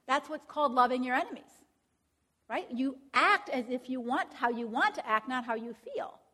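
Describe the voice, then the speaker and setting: High-voiced woman giving a counseling lecture. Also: expressive, moderate pace, sharp tone. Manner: frequent tag questions and check-ins. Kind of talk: conversational lecture.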